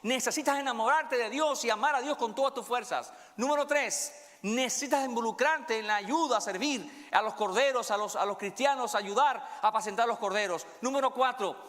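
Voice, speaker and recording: High-voiced preacher in a reverberant hall. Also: male voice. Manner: expressive preaching, dropping soft and slow for quoted dialogue. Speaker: pastor. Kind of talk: sermon.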